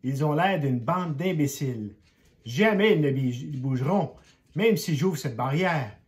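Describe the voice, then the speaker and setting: A man's voice: lively intonation, a little slow. An older man voicing a stubborn, cheeky little farm girl in a storybook reading, in a raised girlish voice. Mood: scornful. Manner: high, shouty girlish voice.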